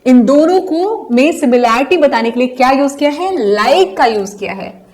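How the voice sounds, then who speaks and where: A woman's voice: high voice, lively intonation, normal speed, darkish tone. A young woman with an Indian accent, teaching a poem lesson and asking and answering her own questions step by step. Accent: Indian English. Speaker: English teacher.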